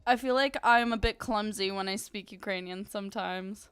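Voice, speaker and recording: A young VTuber streams from home, chatting with viewers in a bubbly, chatty way full of "like"s and giggles. Her medium-pitched voice is smooth and a bit bright at normal speed, recorded dry.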